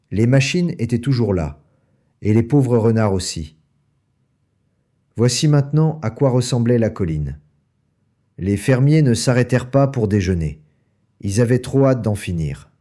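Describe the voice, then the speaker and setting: A man reading a children's story aloud in French, lively and acting out the characters. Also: unhurried, long pauses. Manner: lively, acts out each character with raised pitch. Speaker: audiobook narrator.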